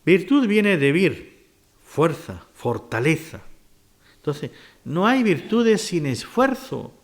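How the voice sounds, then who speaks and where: A man's voice: a little high, very animated, takes it slowly. A man preaching a sermon, retelling scripture stories and asking his listeners rhetorical questions.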